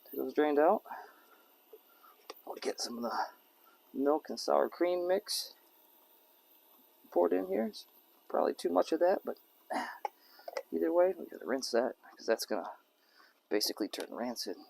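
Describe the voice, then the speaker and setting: A man cooks dinner at an outdoor campsite and rambles to the camera, stopping to scold and praise his dog. His voice is gravelly and swings up and down a lot. Faint outdoor noise sits behind him. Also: on the high side, expressive, normal speed, pauses often, darkish tone, poor audio. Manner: rambling, talks to his dog and jokes to himself. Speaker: camping vlogger. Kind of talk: casual talk to camera while cooking.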